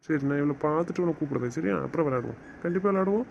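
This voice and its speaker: Playing a stern but affectionate young husband in an audio drama, a man speaks very fast and expressively, his slightly high voice a little mellow with vocal fry. He scolds and lectures, then coaxes; the track is dull and lo-fi with faint noise.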